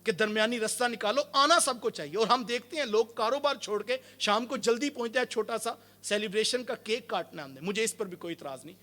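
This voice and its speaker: A man preaching a sermon, telling stories with quoted voices and swinging between loud and soft passages. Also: sits high. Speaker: Islamic preacher.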